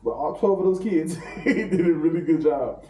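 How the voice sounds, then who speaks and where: This St. Louis, Missouri native, a private chef, is a guest on a podcast, spinning relaxed, slangy tales with plenty of laughter. He sounds a little high-pitched and warm, talking at a normal speed. The audio has faint ambience from a roomy space picked up by a distant mic.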